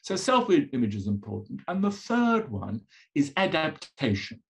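A man's voice: a little high, huge pitch swings, unhurried. A man with a colonial accent from an upbringing in Africa, lecturing conversationally as a psychologist, asking rhetorical questions and driving points home in short, repeated phrases. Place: indoors, video call presentation with slides.

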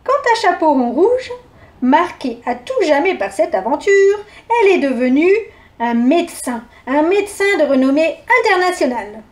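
A woman reads a children's story aloud with lively expression and a high voice. Her telling is animated and warm toward young listeners. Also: moderate pace.

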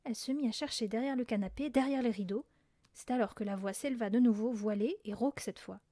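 Expressive woman reading a children's story. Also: on the high side, fast, no echo. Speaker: audiobook reader. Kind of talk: storybook narration.

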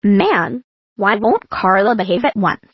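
A female text-to-speech voice playing a stern mother scolding her daughter in an animated video. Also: mid-range voice, unhurried, breathy edge, no room sound, dull audio.

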